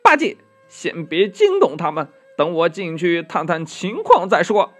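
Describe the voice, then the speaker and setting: A man voicing a bold, hot-tempered monkey hero in a children's storybook reading, with a high, sharp delivery. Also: huge pitch swings, a little slow, husky, faint music behind, heavily acted. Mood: urgent. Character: bold, fiery young male monkey hero.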